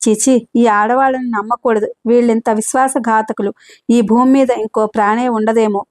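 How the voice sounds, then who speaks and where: A woman's voice: on the high side, steady tone, moderate pace, darkish tone, no echo, clean studio sound, lightly acted. A woman reading the part of a hurt young man who feels betrayed, speaking in bitter, indignant outbursts. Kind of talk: audiobook character reading.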